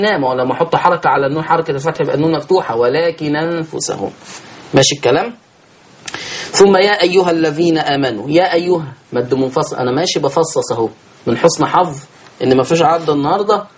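Egyptian man teaching Quran recitation. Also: fairly high pitch. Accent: Egyptian Arabic. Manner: explains step by step, asks and answers his own questions; slow drawn-out chanted examples. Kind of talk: teaching tajweed.

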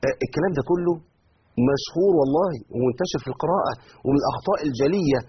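A man with an Egyptian accent giving a religious lesson on Quran recitation, animated and rising sharply on his examples. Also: on the high side, rapid-fire. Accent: Egyptian Arabic. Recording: dull lo-fi recording, faint noise.

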